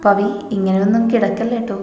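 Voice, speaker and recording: A woman voicing a tender young husband who talks in a soft, coaxing way. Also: mid-range voice, level tone, quick pace, lightly acted. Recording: echoey room with long reverb.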